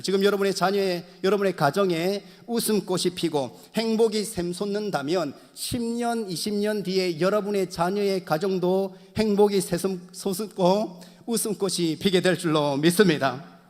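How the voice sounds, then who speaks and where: A man preaching a sermon as pastor, earnestly and repeatedly addressing the congregation. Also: high-pitched. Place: church sanctuary. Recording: long church hall reverb.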